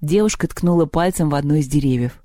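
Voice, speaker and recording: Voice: medium pitch, no echo, clean studio sound. Чтец аудиокниги, мягкий тёплый тембр, размеренно и выразительно. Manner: measured, expressive reading. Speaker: narrator. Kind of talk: audiobook narration.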